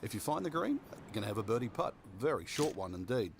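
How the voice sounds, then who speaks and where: A man's voice: mid-range voice, very animated, fast, gravelly, slight background noise. A man giving golf commentary as an analyst, explaining the course.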